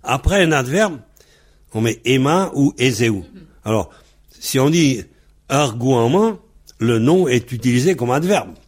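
A man from Brittany teaching a Breton language lesson, spelling words out letter by letter in a deliberate way. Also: medium pitch, lively intonation.

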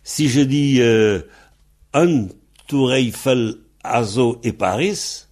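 A man teaching a grammar lesson, pausing on fillers and spelling words out letter by letter. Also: mid-range voice, a little mellow. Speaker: Breton language teacher. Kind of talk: slow explanatory grammar lesson.

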